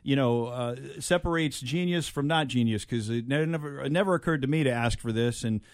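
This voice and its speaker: A man hosts a casual comedy clip show in a conversational, slightly halting way. His mid-pitched voice sounds dry and close. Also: smooth, no echo. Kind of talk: casual show chat introducing clips.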